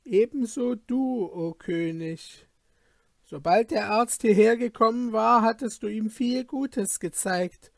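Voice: mid-range voice, creaky, no echo. A storybook reader voicing a scheming male vizier who talks in an insinuating, persuasive way, in a dry recording.

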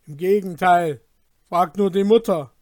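A man's voice: high-pitched, unhurried, no echo, studio quality. A man doing a blustering, greedy brother. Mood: scolding. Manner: loud, blustering exclamations.

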